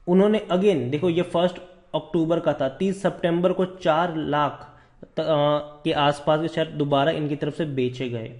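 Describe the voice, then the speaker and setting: A man's voice: a little high, a little mellow. A man giving casual stock market commentary, talking viewers through charts, repeating words for emphasis and addressing them as brother. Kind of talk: casual stock analysis over screen charts.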